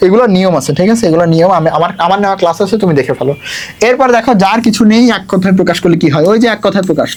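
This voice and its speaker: Chatty male tutor. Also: sits high. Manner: chatty, checks in often with rhetorical questions. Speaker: admission test tutor. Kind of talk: exam prep lesson.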